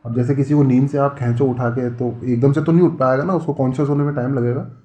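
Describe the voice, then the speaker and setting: A man's voice: medium pitch, steady tone, fast talker, dark tone. A man hosting a horror podcast, casually retelling a friend's account in a conversational way. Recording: roomy, muffled recording.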